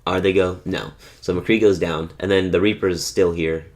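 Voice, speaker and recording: A man's voice: sits low, fairly even intonation, moderate pace, a little mellow. A man giving casual commentary over his own match footage, rambling and often correcting himself as he explains. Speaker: gaming tutorial host.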